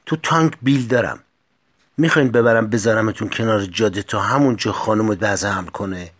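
A man's voice: lowish voice, lightly acted. A man voicing a tired, irritable male tank driver who talks bluntly and sounds exasperated. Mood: mocking.

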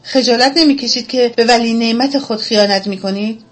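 Woman doing angry male wolf, storybook villain, scolding, louder and higher. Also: close to an everyday voice. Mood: furious. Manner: threatening, scolding.

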